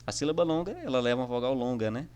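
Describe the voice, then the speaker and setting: A man teaches an online class in a relaxed, conversational way. His voice sits at a middle pitch, and he walks through each point patiently, often pausing to check in with his listeners. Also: clean tone. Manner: friendly, repetitive, with frequent "né?" and "tá?" fillers. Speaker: online teacher of biblical Greek. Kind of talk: casual explanatory lesson.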